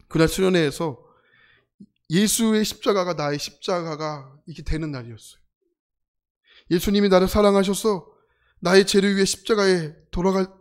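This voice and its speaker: A middle-aged man from South Korea preaching a sermon, telling stories with humor and acting out the voices of people in them. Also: high voice. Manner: animated, acts out quoted voices. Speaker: pastor.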